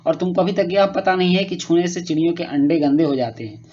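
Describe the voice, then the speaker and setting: A man's voice: a little high, a little fast, darkish tone, natural voice. A man reading out the lines of a middle-aged mother who scolds her son, in a muffled lo-fi recording. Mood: scolding.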